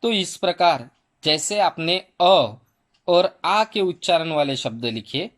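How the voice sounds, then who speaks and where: A man with a fairly high voice teaches young children, moving at a very slow, deliberate pace. He sounds out every letter and vowel one by one, patiently. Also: animated, a bit bright. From India. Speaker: primary school Hindi teacher. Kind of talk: slow spelling lesson for children.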